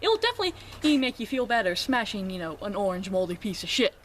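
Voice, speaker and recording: A woman's voice: medium pitch, very animated, fast talker, a little hiss or hum. A woman chatting casually with a friend, blunt and joking. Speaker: friend of the vlogger. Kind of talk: casual chat.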